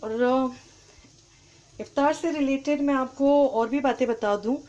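A woman's voice: high voice, a little slow, darkish tone, dull audio. A woman hosting a live cooking demonstration, chatting with viewers and greeting them by name as she cooks in a kitchen. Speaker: cooking host. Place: home kitchen.

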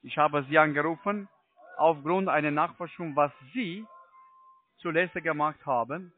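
A man's voice: a little high, measured pace, soft background music. A man from the United States who is not a native German speaker, making a cold sales call in broken German in a pushy, insistent way. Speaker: cold caller selling online trading. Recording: tinny phone line.

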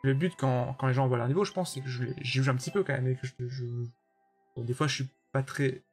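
A man's voice: medium pitch, fairly quick, darkish tone, breathy edge, soft background music. A man live-streaming a game, chatting casually with his viewers and judging their levels bluntly. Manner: chatty, judges viewer levels bluntly, answers chat by name. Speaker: streamer playing a level-making platform game.

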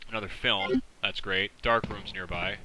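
A man's voice: on the low side, fairly even intonation, normal speed, background noise. A man giving casual, profane, rambling commentary over a video game while losing his voice. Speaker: let's play commentator. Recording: game music underneath.

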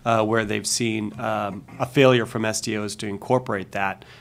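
A man with a Boston accent, a commissioner questioning a witness at a public hearing, halting and full of fillers. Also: fairly low pitch, steady tone, vocal fry. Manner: halting, with many fillers and restarts.

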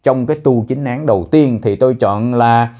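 A man teaching a citizenship test lesson, repeating words slowly in pronunciation drills. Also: medium pitch, mellow, lo-fi sound. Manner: slow, drawn-out pronunciation drills.

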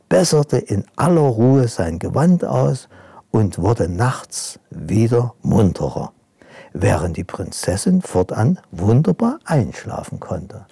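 A man reading a bedtime story aloud to children, gently and expressively, sometimes dropping to a hush. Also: mid-range voice, gravelly, breathy edge, no room sound.

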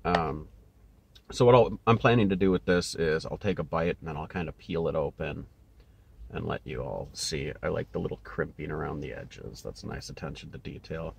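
Sitting in his parked car, a man in his thirties with an Upper Midwest American accent casually reviews snack food, chatting as he eats. His very deep, creaky voice moves at normal speed, a bit congested and relaxed, with many filler "ums." A phone on a dash holder records him in the small cabin, with steady background noise.

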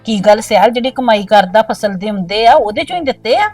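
An actress playing a middle-aged village mother-in-law who talks in a soft, pleading, soothing way. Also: fairly high pitch, lively intonation, brisk, dry recording, soft background music. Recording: dry, distant from mic.

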